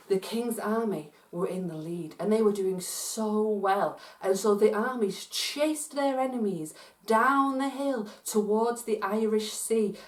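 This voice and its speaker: Animated Scottish woman telling a story in a roomy space. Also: medium pitch, distant mic. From Scotland. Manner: animated, encouraging, talks straight to listeners at home. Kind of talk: interactive multi-sensory storytelling for children. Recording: roomy echo, voice from off-mic.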